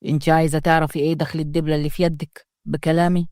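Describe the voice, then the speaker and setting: A woman's voice: low voice, little pitch movement, racing, darkish tone, dry recording, clean studio sound, close to an everyday voice. Woman reading as a stern Upper Egyptian mayor. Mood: cold. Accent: Upper Egyptian Arabic. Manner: curt and scolding. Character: stern Upper Egyptian village mayor, young man, harsh and proud. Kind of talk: storytelling read-aloud.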